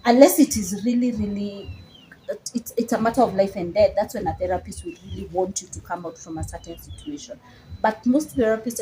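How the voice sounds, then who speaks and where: A woman's voice: medium pitch, dark tone, rough recording. A woman with a Kenyan accent and a mid-range voice talks casually as a psychologist explaining her field. She repeats words for emphasis. There is some ambient noise with birds behind her. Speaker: psychologist guest.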